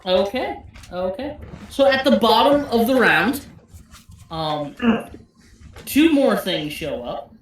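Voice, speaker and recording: A woman game master narrating a tabletop game off the cuff, halting as she searches for words. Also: mid-range voice, animated. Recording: very echoey with faint noise.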